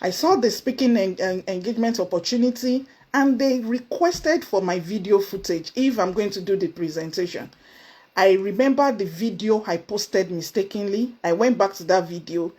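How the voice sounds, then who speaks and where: Seated indoors in front of a camera, an earnest Nigerian woman gives a motivational talk, emphatic and lively, breaking into sudden high exclamations. She's a motivational speaker with a moderate pace and a breathy edge to her voice.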